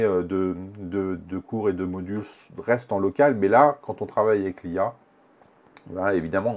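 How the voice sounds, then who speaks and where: A man presenting a casual software tutorial, thinking aloud with many fillers and restarts. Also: lowish voice.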